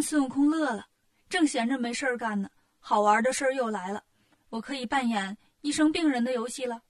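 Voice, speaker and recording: A woman telling a children's story in a lively way, with a husky voice. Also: high-pitched. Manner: lively, acts out the characters.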